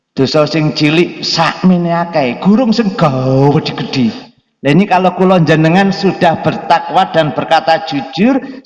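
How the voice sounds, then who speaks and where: A man preaching a sermon, often asking the audience whether they understand. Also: fairly high pitch. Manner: mixes in local phrases, asks the audience if they understand. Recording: echoey hall from a distance.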